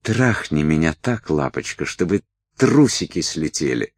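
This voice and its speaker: A man's voice: a bass voice, sing-song, unhurried, breathy edge, no echo, clean studio sound, full character voice. A man reading a brazen, teasing seductress. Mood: coaxing. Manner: teasing, coaxing, then scornful. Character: brazen seductive woman, pushy and mocking.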